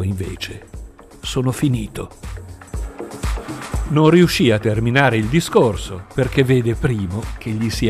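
Gravelly male audiobook narrator. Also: mid-range voice. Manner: measured storytelling. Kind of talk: scripted narration.

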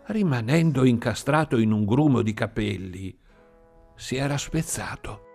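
A man reading a story aloud in an expressive, sing-song storytelling manner. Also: medium pitch, measured pace, gravelly. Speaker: narrator. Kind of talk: audiobook reading. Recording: faint music behind.

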